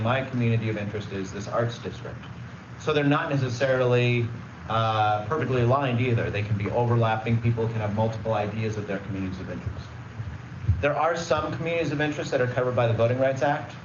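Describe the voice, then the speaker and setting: A man's voice: mid-range voice, quick pace, echoey room, distant mic, highs cut off, background noise. A man giving a conversational presentation at a public meeting, explaining rules with everyday examples and plenty of fillers. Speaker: redistricting consultant presenting.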